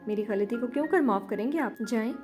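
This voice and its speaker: A woman's voice: a little high, faint music behind, lightly acted. Bitter jealous young sister, read by a woman. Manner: sharp, resentful.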